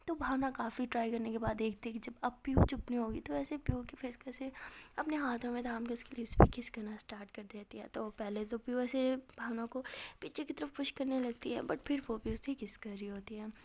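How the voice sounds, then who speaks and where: A woman with an Indian accent telling a romance story as whispered role-play, voicing both lovers in a soft breathy whisper. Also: fairly high pitch, fairly even intonation, fairly quick, background noise.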